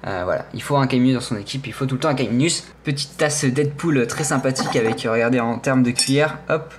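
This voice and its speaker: A man's voice: mid-range voice, fast, noisy background. A young man with a French accent giving a casual, rambling tour of his gaming room, hesitating often and joking about his collectibles. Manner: rambling, lots of hesitations and self-corrections; playful and enthusiastic about collectibles. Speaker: gaming streamer showing his setup.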